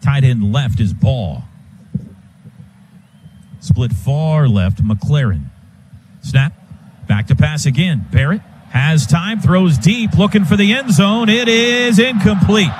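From a stadium radio booth, an American man gives live football play-by-play in clipped phrases that track each play. His fairly high voice has lively intonation, a slow pace and frequent pauses, with loud stadium ambience behind it.

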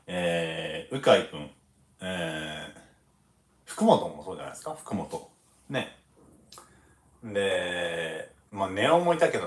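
A former baseball pitcher hosts a laid-back livestream, chatting casually, reading out viewer comments and laughing a lot. The sound is roomy.

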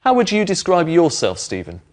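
Man explaining clearly. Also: high-pitched, wildly swooping pitch, moderate pace. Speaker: presenter of an English lesson. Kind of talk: friendly teaching explanation. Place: indoor studio with brick walls.

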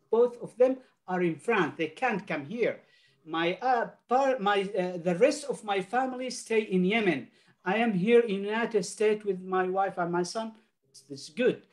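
An older panelist, a native Arabic speaker, delivers his remarks over a video call from home, where he works in a home office. His pitch sits high, and he speaks earnestly but haltingly, often restarting and using fillers.

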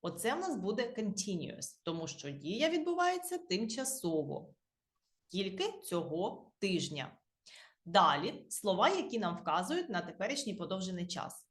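Animated Ukrainian woman teaching grammar. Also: medium pitch, moderate pace, reverberant. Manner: patient, spells out endings letter by letter, repeats key words. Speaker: English teacher. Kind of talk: explaining grammar to beginners.

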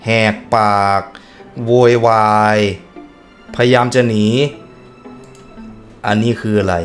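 A man hosting a meme reaction video in a chatty, musing way, chuckling as he goes. He talks at an unhurried pace, with soft music in the background. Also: medium pitch. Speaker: host. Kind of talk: casual meme reaction commentary.

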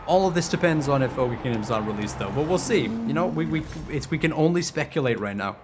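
Young male streamer, twenties, profane and excitable, casual stream commentary. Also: medium pitch, fast talker, noisy background. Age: 20s.

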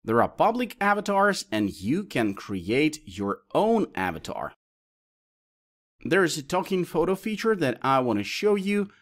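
A man presenting a software tutorial, explaining each option step by step as he clicks through it. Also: on the high side, big pitch swings, measured pace. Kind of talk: screen-recorded tutorial walkthrough.

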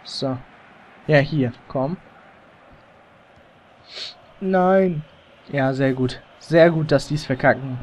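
A gamer with a slightly high voice talks through his match in loose, casual bursts. He gets excited and groans or swears when plays go wrong. The mic is slightly overdriven at times. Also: very slow, pauses often. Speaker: let's play gamer. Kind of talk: casual live gameplay commentary. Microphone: headset or desk mic, slightly overdriven.

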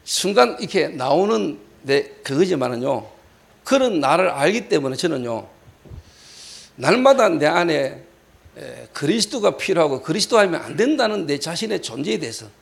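A male pastor telling a personal story in a sermon and acting out shouted quotes. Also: on the high side, sing-song, moderate pace, vocal fry. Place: church hall.

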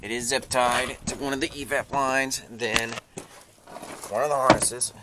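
A middle-aged man with a mid-range voice, fairly even intonation and a slightly slow pace narrates a casual how-to while showing his truck project. He films himself outdoors beside the vehicle in a residential yard, holding the camera at arm's length, and the recording is clearly noisy with clicks.

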